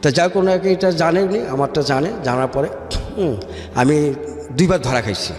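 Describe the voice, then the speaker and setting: This man's voice sits on the high side, a little mellow, at normal speed. He has a Bangladeshi accent and tells his personal history during a radio interview, slipping in English words and making sure the listener keeps up, all in a reverberant room with music behind him.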